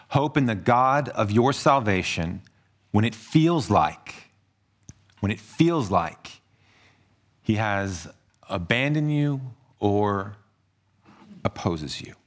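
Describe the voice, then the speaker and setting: A man preaching a sermon as pastor, earnest, moving between hushed low passages and raised emphatic ones.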